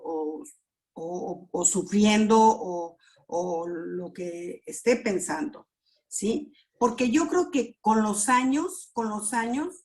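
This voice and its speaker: Middle-aged woman leading a premarital class at an unhurried pace, repeats herself, acts out little prayers. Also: medium pitch, darkish tone. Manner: slow, repetitive, with sound words and acted prayers. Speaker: premarital counseling teacher. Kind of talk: church class teaching.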